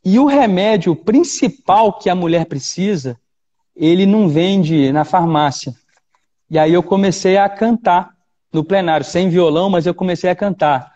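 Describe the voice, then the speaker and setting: Animated Brazilian man, high and mellow. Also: moderate pace, muffled recording. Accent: Brazilian Portuguese. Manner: animated storyteller, frequent repetitions and restarts. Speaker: defense lawyer, guest. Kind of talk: storytelling interview.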